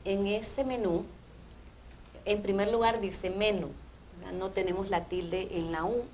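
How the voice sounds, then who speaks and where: A woman language teacher, explaining grammar rules in a measured way on a TV program. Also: mid-range voice, steady tone, a little mellow, slight background noise, poor audio. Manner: measured, explanatory, often asks "¿verdad?". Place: TV studio.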